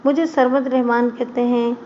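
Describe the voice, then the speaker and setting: A woman's voice: on the high side, flat delivery, normal speed, muffled recording, slight background noise, close to an everyday voice. A woman voicing a weary, bitter young man, a wounded fugitive, in an audio story. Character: wounded, bitter young male engineer on the run.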